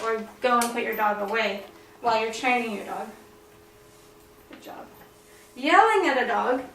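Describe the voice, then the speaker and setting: High bright woman training a dog. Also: slight background noise. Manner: calm explaining, soft praise to the dog. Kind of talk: instructional demonstration. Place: indoors in a house. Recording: roomy sound from a distance.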